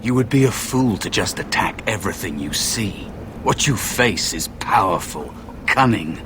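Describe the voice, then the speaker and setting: An actor playing a wary, sorrowful spirit of a lost young apprentice in a fantasy video game, hesitant and cautionary. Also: male voice, fairly low pitch, lively intonation, normal speed, background noise, natural voice.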